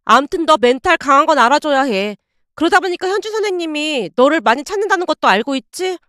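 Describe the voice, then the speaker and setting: A woman's voice: sits high, lively intonation, fast, fairly bright tone, no echo, studio quality. A woman voicing a chatty female nurse colleague who passes on gossip in a knowing, confiding tone. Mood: teasing.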